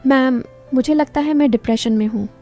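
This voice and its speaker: A woman narrating a story voices a shy young man who sounds bashful and hesitant and speaks a little high for a man. Her tone is soft and mellow over faint music, and she speaks a little fast.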